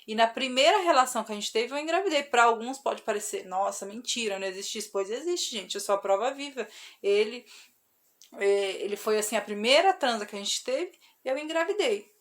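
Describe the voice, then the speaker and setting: A woman's voice: on the high side, expressive, fairly quick. A young adult woman with a Brazilian accent, telling a personal story to her followers in an emotional, confiding way. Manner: emotional, confiding, many "né?" tags. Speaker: vlogger.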